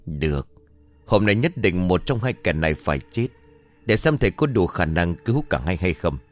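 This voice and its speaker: A man's voice: low-pitched, sing-song, normal speed. A man voicing the grieving, vengeful ghost of a young mother, bitter and anguished. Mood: furious. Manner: bitter, anguished, then tearful.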